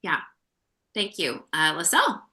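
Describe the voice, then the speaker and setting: A woman hosting a writing group on a video call, upbeat and quick to laugh. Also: lowish voice, huge pitch swings, bright, forceful tone. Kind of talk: casual video call chat.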